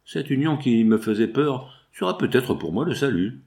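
A man's voice: medium pitch, animated, normal speed, darkish tone, close to an everyday voice. A man reading aloud and voicing a wealthy, guilt-ridden older father torn with anxiety. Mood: brooding. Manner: anxious, brooding.

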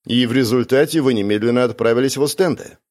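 A man's voice: mid-range voice, fast, darkish tone, close to an everyday voice. A man voicing a cold, stern young woman. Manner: cold, clipped questioning.

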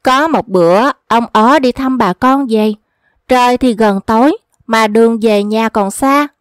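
Woman reading folk tales, high dry voice. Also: unhurried, clear, resonant tone, dry recording. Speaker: storyteller.

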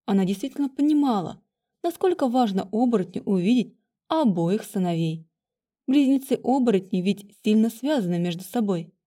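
Female audiobook narrator, expressive fantasy reading, warm mellow tone. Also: medium pitch, moderate pace.

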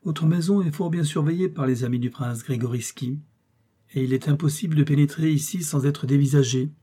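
Man voicing a brisk shrewd detective, confident and commanding, dark mellow tone, husky edge, storybook reading. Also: fairly high pitch. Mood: brisk, assured. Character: shrewd confident male police detective in disguise.

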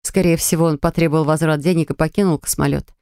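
Casting: woman narrator for first-person fiction audiobook, slightly low voice, very little room sound. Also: steady tone, quick pace, mellow, clear, resonant tone, no room sound, studio quality.

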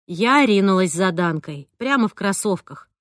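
A woman's voice: medium pitch, normal speed, no room sound. Woman reading an audiobook, dry close sound. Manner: expressive storytelling reading. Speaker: audiobook narrator. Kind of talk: scripted first-person audiobook narration.

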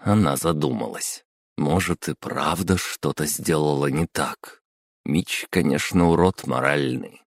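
A man narrating an audiobook with expressive storytelling. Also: very deep voice, dry recording, studio quality. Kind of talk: scripted narration.

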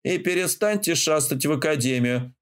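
A man's voice: on the high side, animated, moderate pace, lightly acted. A man voicing a pompous older male rear admiral who lectures his subordinates in an audiobook. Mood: lecturing. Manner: lecturing, self-important.

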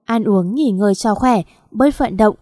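A woman voicing a young male doctor who speaks calmly and reassuringly to a patient. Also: mid-range voice, a little slow, no echo, clean studio sound, lightly acted. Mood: gentle. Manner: calm, reassuring.

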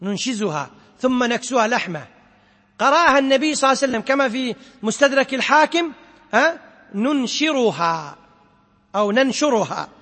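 A man with a strikingly high voice gives a classroom lecture as a sheikh. He stops to quiz his students and draws out quoted verses slowly. His voice trails off in a long reverb, as if he is speaking in a large hall or mosque. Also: animated, bright, forceful tone. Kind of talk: classroom lecture explaining a poem on Quran sciences.

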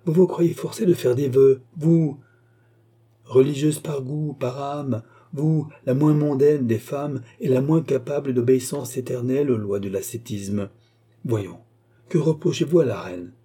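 A man's voice: medium pitch, moderate pace, dark tone, breathy edge, lightly acted. A man reading aloud voices an earnest young officer pleading with his sister.

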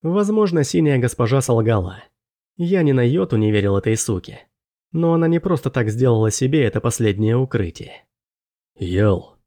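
A man narrating a first-person fantasy audiobook in a measured, steady storytelling manner. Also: mid-range voice.

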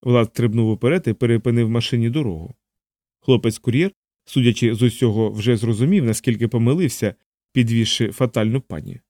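Male audiobook narrator, mellow dark voice, dry close recording, steady read. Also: medium pitch, a little fast, no echo. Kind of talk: scripted narration.

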